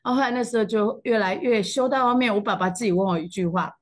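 A woman's voice: on the high side, quick pace. A middle-aged woman with a Taiwanese Mandarin accent sharing a personal faith testimony in emotional storytelling, her voice jumping up at moving moments. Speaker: church testimony speaker.

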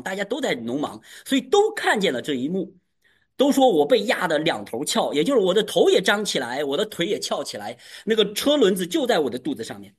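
Husky, lively man preaching a testimony. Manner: animated storytelling with emphatic high peaks. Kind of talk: testimony sermon.

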